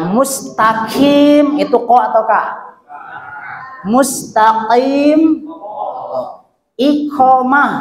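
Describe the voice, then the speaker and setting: Slow, patient man teaching recitation, roomy echo. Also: high-pitched. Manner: demonstrates sounds slowly, repeats syllables. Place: hall at a hospital study gathering. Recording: roomy echoey hall.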